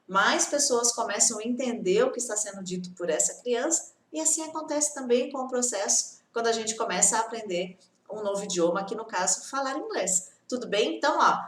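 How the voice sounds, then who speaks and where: Chatty Brazilian English teacher, high voice. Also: female voice, fairly bright tone, echoey room. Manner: chatty, repeats reassuring tag questions; acts out students' complaints in quick bursts. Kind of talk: casual online lesson.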